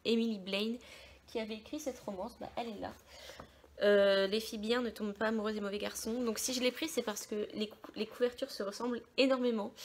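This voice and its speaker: A young woman chatting casually as a book vlogger, talking through her purchases with many fillers and the odd soft murmured aside. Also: on the high side. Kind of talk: casual book haul chat.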